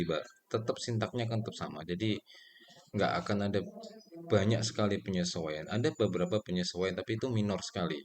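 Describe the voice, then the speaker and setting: A man, speaking in a lowish register, teaches programming in a loose, chatty way. He puts questions to the class and answers them himself, with plenty of fillers along the way. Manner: relaxed and conversational, with frequent fillers and self-corrections. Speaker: programming lecturer. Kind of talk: casual spoken lecture.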